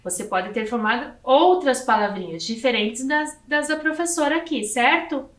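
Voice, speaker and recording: A woman from Brazil teaching young children in a video lesson, slowly counting letters and syllables aloud. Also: sits high, a bit bright, echoey room.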